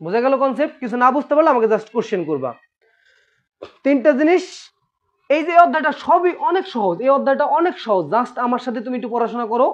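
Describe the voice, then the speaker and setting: Patient man teaching math. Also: extremely high pitch. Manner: patient, asks students questions and repeats points. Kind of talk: classroom math lesson. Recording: dull lo-fi recording.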